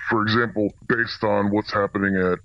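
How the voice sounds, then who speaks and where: A man working as a corrections officer answers radio interview questions in a plain-spoken, halting way, his voice disguised to sound deeper. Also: fairly even intonation, no room sound, highs cut off. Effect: voice disguised to protect anonymity, deepened. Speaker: corrections officer, senior officer specialist.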